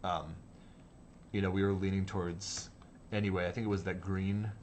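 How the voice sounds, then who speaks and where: A man's voice: low voice, flat delivery, normal speed, a little mellow, a little hiss or hum. A man hosting a livestream, chatting casually while he sketches, rambling and hesitant with sudden laughs. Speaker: livestream host and designer. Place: office studio.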